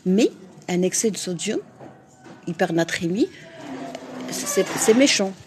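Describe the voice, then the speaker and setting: A woman's voice: fairly low pitch, expressive, slow, a little mellow, a little hiss or hum. A woman doctor from Morocco hosting a live stream, answering viewers' comments frankly, with frequent fillers and restarts.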